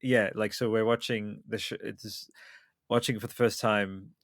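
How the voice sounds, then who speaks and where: A man's voice: on the low side, steady tone, moderate pace, a bit bright, no room sound, studio quality. A man in his thirties hosting a podcast, chatting eagerly and rambling with lots of fillers. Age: 30s. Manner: enthusiastic, rambling with many fillers. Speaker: podcast host. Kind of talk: casual chat.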